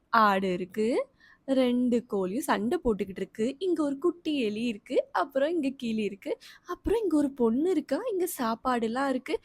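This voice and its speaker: A woman teacher with a Tamil Nadu accent takes small children through a textbook page. She keeps asking them questions and answering them herself, slipping English words in among the Tamil. Her voice sits fairly high and comes across close and dry. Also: no room sound. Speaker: online school teacher. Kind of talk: explaining a textbook lesson to young children.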